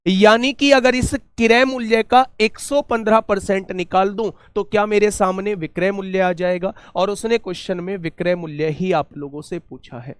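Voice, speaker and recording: High-voiced man teaching a maths lesson. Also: fairly even intonation, moderate pace, few pauses, clear, resonant tone, no echo. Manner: explains step by step, asks the class rhetorical questions. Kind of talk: online exam-prep maths lesson.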